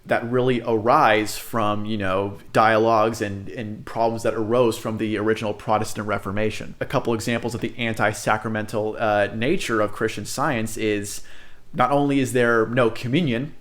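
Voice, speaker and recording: Speaking at normal speed in a lowish, slightly bright voice with little pitch movement, a young man from the United States gives a casual on-camera introduction to his channel. He's earnest and talkative, sprinkling in plenty of fillers and side comments.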